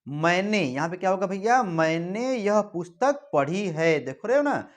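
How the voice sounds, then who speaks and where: A man teaching a Hindi exam-prep lesson in a colloquial, lively way. He calls his listeners brother, repeats phrases for emphasis and reads example sentences slowly and deliberately. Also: sits high.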